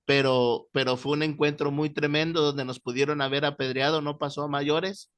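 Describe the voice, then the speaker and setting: A man teaching a Bible class, telling stories with lively, animated delivery. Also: a little high, moderate pace. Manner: animated storyteller, shouting out quoted voices. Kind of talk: classroom lecture with storytelling.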